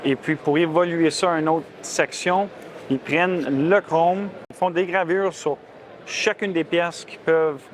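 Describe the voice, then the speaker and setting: A man's voice: a little high, steady tone, unhurried, a little hiss or hum. A man with a Quebec French accent talking casually and colloquially about cars, with enthusiasm. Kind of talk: casual on-camera car talk.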